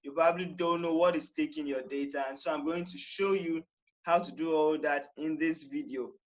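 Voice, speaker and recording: A young Nigerian man hosts a chatty tech tutorial at normal speed, his fairly high voice steady in tone and the sound lo-fi. His casual how-to explanation is full of "all right" and repetition.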